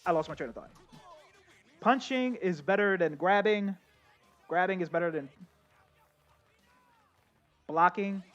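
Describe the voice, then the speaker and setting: A young man giving casual, excitable live commentary while playing a game, talking straight to his chat. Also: high-pitched, unhurried, pauses often, lo-fi sound. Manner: chatty, excitable, addresses chat as y'all. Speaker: game streamer.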